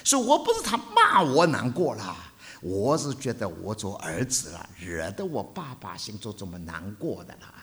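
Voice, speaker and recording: An older male preacher gives a sermon. His pitch leaps and falls widely, and he moves from loud to hushed as he tells stories. The delivery is very lively. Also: moderate pace, few pauses. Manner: animated storytelling with sharp swings between loud and hushed.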